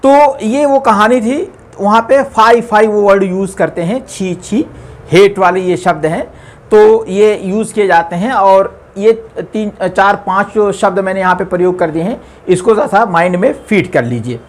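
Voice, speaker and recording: A man's voice: high-pitched, a little slow. A man teaching an English grammar lesson, explaining patiently with many repetitions and fillers.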